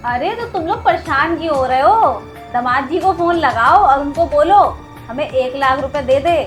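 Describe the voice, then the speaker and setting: Woman as a harsh greedy mom, very high voice, scolding, loud music under. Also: animated, normal speed. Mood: scheming. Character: greedy sharp-tongued mother of the bride. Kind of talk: web-series family drama acting. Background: background music.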